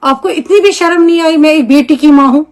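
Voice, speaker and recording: A woman's voice: sits high, a little fast. A Kashmiri-accented woman, a homemaker and mother, who scolds indignantly in an angry video statement and fires off one rhetorical question after another.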